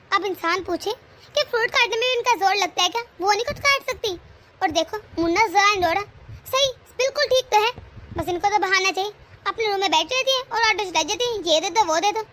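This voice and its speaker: A lazy, scheming younger daughter-in-law, voiced by a woman in a cartoon family drama. She grumbles and complains in a very high, bright and sharp voice. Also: a little fast, slight background noise. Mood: grumbling.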